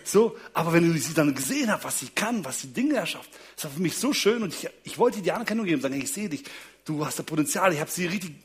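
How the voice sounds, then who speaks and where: Pitched on the high side and sing-song, his delivery is fast with hardly any pauses. He's a relationship speaker giving a comic talk about marriage, full of anecdotes about his wife and kids, chuckling often and regularly checking in with the audience.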